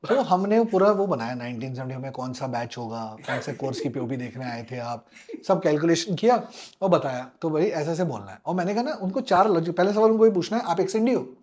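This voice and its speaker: High-voiced man telling a lively anecdote. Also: a little fast. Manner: mixes Hindi and English, acts out the voices of people in the story, chuckles often. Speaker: podcast guest, former air force officer. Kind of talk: animated storytelling anecdote.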